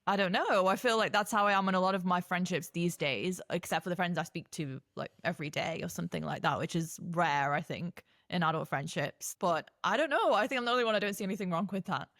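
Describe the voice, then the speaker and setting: A woman's voice: lowish voice, fast, few pauses, fairly bright tone, dry recording, clean studio sound. Thoughtful young woman arguing a point. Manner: thoughtful, plays devil's advocate. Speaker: podcast co-host. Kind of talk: casual chat.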